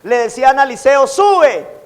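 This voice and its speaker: Pastor guy preaching, really high voice, big echoey church hall. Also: normal speed. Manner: animated preaching, acting out quoted taunts. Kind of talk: sermon. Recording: long hall reverb.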